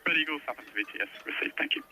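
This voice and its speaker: A man's voice: a little high, lively intonation, rapid-fire, over music. A man working as a vessel traffic radio operator, speaking formal, clipped procedural phrases over marine VHF. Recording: marine radio with faint noise.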